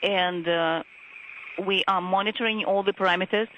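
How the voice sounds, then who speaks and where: A crew member calling out terse procedural reports over a crackly space-to-ground radio link, halting with fillers. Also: medium pitch, fairly even intonation, highs cut off. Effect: crackly space-to-ground radio transmission. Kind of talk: clipped radio procedure calls.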